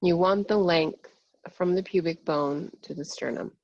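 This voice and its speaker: A woman leads a yin yoga class in a soft, breathy voice with a gravelly creak. Her cues are gentle, soothing and unhurried. The sound is dry and slightly muffled, as in a close lo-fi recording. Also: on the low side, dry recording. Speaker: yoga instructor. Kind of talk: guided yin yoga instruction.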